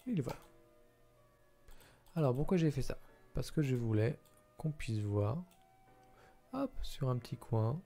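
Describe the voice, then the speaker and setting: Man, gravelly voice, soft faint music behind, hesitant muttering while editing. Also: mid-range voice, expressive, unhurried, pauses often. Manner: mumbling, hesitant, thinking aloud. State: tired. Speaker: video editor commenting his work. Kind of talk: casual screen-recording commentary.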